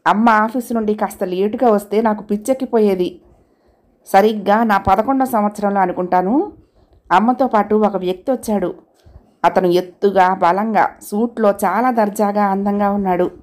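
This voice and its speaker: A woman's voice: mid-range voice, normal speed, a little mellow. Woman reading a story aloud.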